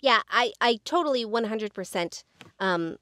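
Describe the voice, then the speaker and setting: Co-hosting a podcast on voice acting, this American voice actor speaks earnestly and with emphasis in casual conversation. Her voice is a little high, expressive, and a bit bright, at a moderate pace, recorded with studio quality and no room sound.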